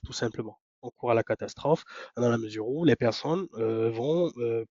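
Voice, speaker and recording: A man giving a webinar presentation, explaining points step by step and often pausing on fillers and restarts. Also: medium pitch, darkish tone, husky, no room sound. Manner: hesitant, many fillers and restarts. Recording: dry, dull lo-fi sound.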